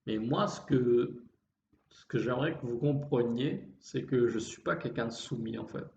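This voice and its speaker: A man from with a slightly effeminate, refined voice speaks in a halting introspective monologue, often restarting his phrases. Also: medium pitch, vocal fry, a little mellow. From Réunion. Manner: halting, with repeated false starts and trailing phrases. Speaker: vlogger. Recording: dull, roomy, faint background noise.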